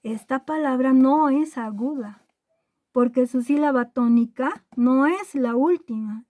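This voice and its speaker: Slow, patient woman teaching a class. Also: high voice, dark tone, no echo. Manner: slow, deliberate, spells words out syllable by syllable; asks the class checking questions. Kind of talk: classroom lesson.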